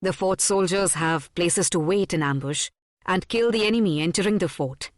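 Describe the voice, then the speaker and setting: A woman narrating a historical audiobook in a measured, dramatic storytelling manner on a close studio mic. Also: on the low side, no echo. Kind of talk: scripted narration.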